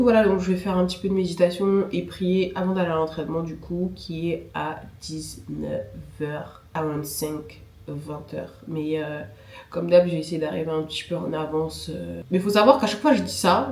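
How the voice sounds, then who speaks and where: The speaker, a young vlogger and semi-pro handball player, has a low-pitched, steady, slightly mellow voice and talks a little fast. Stuffy and nasal from a cold, she chats casually with filler sounds, far from the mic in an echoey room with music in the background.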